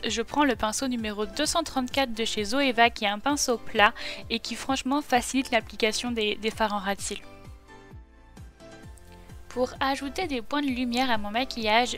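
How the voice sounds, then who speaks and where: A woman's voice: fairly high pitch, fairly bright tone. A woman vlogger talking through a makeup tutorial step by step in a chatty voice-over. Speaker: beauty vlogger. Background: faint background music.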